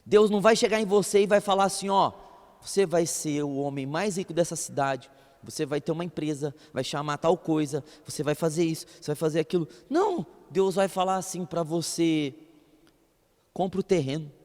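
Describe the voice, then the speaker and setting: A man preaching a sermon as a pastor, telling stories in an animated way and acting out voices. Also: on the high side, fairly quick, in a large hall. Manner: animated storytelling, acts out voices and laughs.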